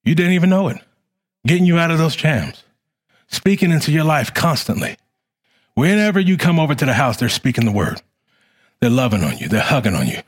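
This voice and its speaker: A middle-aged man preaching a sermon as pastor, with a fervent, repetitive cadence that swells loud and drops to quiet. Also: fairly high pitch, very animated, brisk, pauses often.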